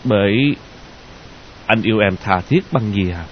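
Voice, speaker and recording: A man voicing a gentle young male doctor, speaking softly and consolingly. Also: on the low side, a little slow, lightly acted. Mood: tender. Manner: soft, tender, consoling. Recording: dull lo-fi audio with hiss.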